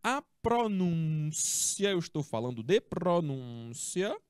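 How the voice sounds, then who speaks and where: A woman's voice: fairly low pitch, very animated, takes it slowly, a little mellow, clean tone, dry recording, studio quality. A Brazilian woman teaching English, explaining in a chatty way and asking herself her pupils' questions before answering them. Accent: Brazilian Portuguese. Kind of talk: classroom explanation of a text.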